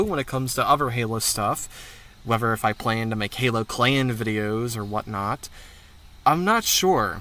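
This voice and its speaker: A man's voice: mid-range voice, bright, forceful tone, a little hiss or hum. A man hosting his own channel, talking through plans in a candid, rambling monologue with frequent swearing. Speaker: channel host. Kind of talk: casual channel update monologue.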